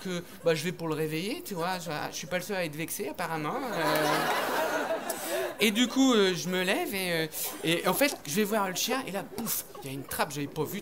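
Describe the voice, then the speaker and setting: A man doing stand-up comedy on stage, telling a rambling, crude story full of slang and acted-out voices. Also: sits high. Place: comedy stage before an audience.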